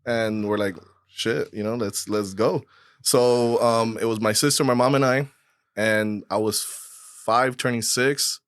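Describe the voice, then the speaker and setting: A man from Cuba in his thirties, talking as a podcast guest. He rambles through his story in a loose, relaxed way, full of fillers and restarts. His voice sits at an ordinary middle pitch and the studio sound is dry and close. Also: measured pace, clear, resonant tone, no echo. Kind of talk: casual storytelling.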